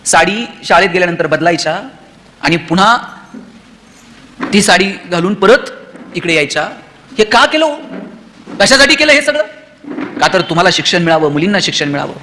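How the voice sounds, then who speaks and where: A man's voice: high-pitched, lively intonation, a little fast, long pauses, pushed and bright, slight background noise. A man giving a motivational speech to a hall of students, throwing rhetorical questions at the audience. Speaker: motivational speaker.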